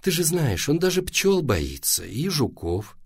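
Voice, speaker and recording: A man's voice: mid-range voice, wildly swooping pitch, unhurried, no echo, voice pushed up, exaggerated voice. A man voicing a sleepy sarcastic mother. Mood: dry sleepy. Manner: dry and matter-of-fact.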